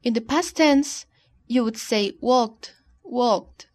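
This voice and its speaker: A woman co-hosting an English lesson, reading model answers in a careful, deliberate way. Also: fairly high pitch, a little mellow. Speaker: co-host answering the teacher's questions. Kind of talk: scripted bilingual lesson dialogue.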